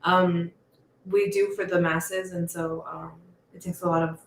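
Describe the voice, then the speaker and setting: A woman speaking casually on a livestream, halting, with many pauses and fillers. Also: lowish voice, little pitch movement. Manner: halting, many ums and restarts. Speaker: organizer introducing themself. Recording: echoey room with faint noise.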